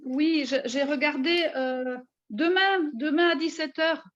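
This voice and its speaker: High-voiced woman over dull call audio. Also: a little slow. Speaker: session participant. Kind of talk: casual video call chat.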